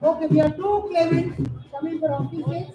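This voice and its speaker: A man's voice: very high-pitched, steady tone, fairly quick, a little hiss or hum. A middle-aged man with an Indian accent calling bingo numbers digit by digit over a microphone at an evening party. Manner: singsong announcing, numbers called digit by digit. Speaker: bingo caller at a Diwali party. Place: outdoor evening party in front of a stage. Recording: echoey event PA with loud music behind.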